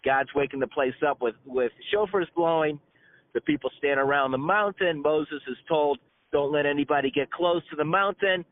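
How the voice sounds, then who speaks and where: Speaking as a rabbi on a phone conference call, a man with a high-ish voice leads an informal religious class. The line is tinny and narrow-band with no room sound. His storytelling is conversational, full of stammered repeats and casual asides.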